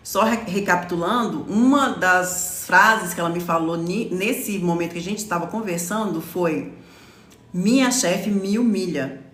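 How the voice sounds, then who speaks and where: Speaking at a measured pace in a fairly low, slightly bright voice, a Brazilian woman in her forties talks from an echoey room. She's a lawyer on a live stream, explaining things chattily to followers, frequently stopping to read comments and asking "tá?".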